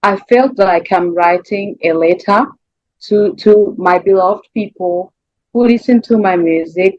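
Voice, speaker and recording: In a dry, lo-fi recording, a Rwandan woman who sings answers interview questions with a Rwandan accent. Her mid-range voice is a little slow and a little mellow, and she repeats phrases and gropes for words as she talks.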